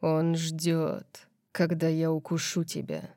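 Casting: woman voicing a low, gruff male vampire tutor for an audiobook, slow, dark tone, flat delivery. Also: dry recording, studio quality. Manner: low, rough, clipped. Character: brooding male vampire teacher, gruff, restrained.

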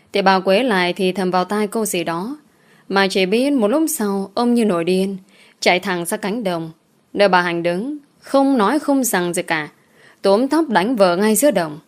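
A woman narrating a romance novel aloud in a steady storytelling manner. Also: mid-range voice, normal speed.

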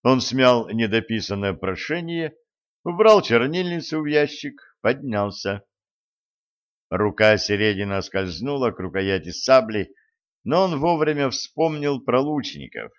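A male narrator with a mid-pitched voice reads an adventure novel in steady, measured scripted narration. The recording sounds slightly dull and lo-fi. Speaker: audiobook narrator.

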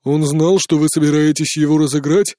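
A man reading an audiobook, voicing a stern male investigator who asks slow, pressing questions. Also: medium pitch, fairly even intonation, a little mellow, dry recording, clean studio sound, voice pushed down, close to an everyday voice. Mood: probing.

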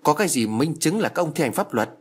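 A man voicing a bold, sharp-tongued teenage boy who talks back mockingly, in a slightly husky voice. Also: a little high, big pitch swings, fast, voice pushed up. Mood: defiant. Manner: cocky, mocking.

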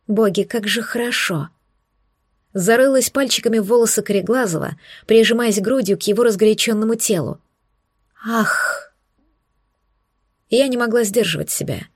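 A woman reading a first-person romance audiobook in a soft, intimate, hushed way. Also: a little high, brisk, husky, no room sound, studio quality. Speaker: narrator.

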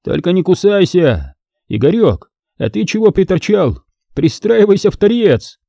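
A man's voice: sits high, very animated, normal speed, vocal fry, mellow, no echo, studio quality, voice pushed up, exaggerated voice. A man voicing an arrogant young male student who mocks and lords it over others with condescending sneers. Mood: sneering. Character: arrogant mocking male student, power-drunk, giggling.

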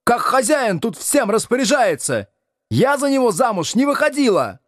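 Male reader playing a shrill enraged wife, high and yelling, for an audiobook. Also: big pitch swings, normal speed, no room sound, clean studio sound. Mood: furious. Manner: high, screaming tirade. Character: furious young wife shouting at husband.

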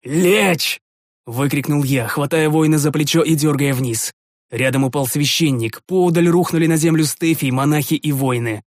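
A man's voice: on the high side, moderate pace, darkish tone, no echo. A man narrating a fantasy audiobook in the first person, tense and dramatic, recorded on a studio microphone.

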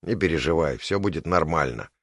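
A man voicing a weary, battered writer who speaks low and subdued. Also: lively intonation, fairly quick, fairly bright tone, slightly rough, no echo, studio quality, heavily acted. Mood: bitter. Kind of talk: audiobook character voice.

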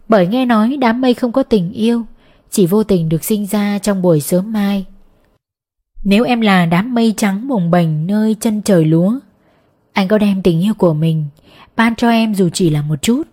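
Fragile pregnant young woman, voiced by a woman reader, soft murmuring, slow, storybook audiobook. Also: mid-range voice, natural voice. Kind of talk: audiobook character voice.

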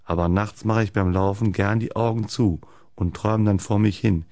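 A man reading the lines of a talkative, sturdy female X-ray nurse in a deep voice. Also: fairly even intonation, moderate pace, a little mellow, dry recording, natural voice. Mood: chatty. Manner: talkative, tops every story.

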